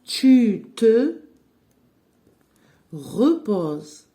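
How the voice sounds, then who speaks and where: Woman French teacher, lively pitch, slow dictation that spells out endings. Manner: dictates slowly, spells out verb endings letter by letter. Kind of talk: slow classroom-style grammar lesson.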